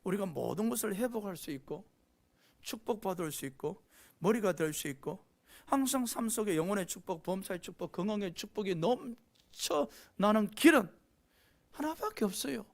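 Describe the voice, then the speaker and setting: A gravelly, expressive mid-range voice at a moderate pace carries this impassioned sermon. The pastor frequently prompts his congregation with a questioning "eh?".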